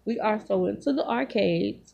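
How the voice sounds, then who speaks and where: A woman in her thirties telling casual stories while she eats, talking with her mouth full and pausing to chew, recorded on a phone in a room at home. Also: medium pitch, vocal fry, dark tone, husky. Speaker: vlogger. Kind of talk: casual storytelling while eating. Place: small home room, indoors. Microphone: phone at arm's length.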